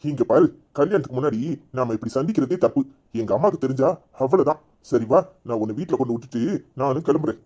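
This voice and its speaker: A man's voice: mid-range voice, quick pace, dark tone, dull audio, close to an everyday voice. A man voicing a young groom-to-be who obeys his mother and coaxes and lectures his fiancée. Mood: coaxing. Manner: coaxing, lecturing. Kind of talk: cartoon voice acting.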